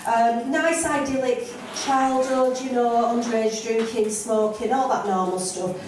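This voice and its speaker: A woman's voice: fairly high pitch, fairly even intonation, a little slow. Older northern woman doing stand-up, distant and echoey. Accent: Lancashire. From North West England. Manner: blunt, self-mocking, broad northern delivery. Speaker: stand-up comedian. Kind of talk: stand-up set. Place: comedy club stage. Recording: roomy and distant with audience noise.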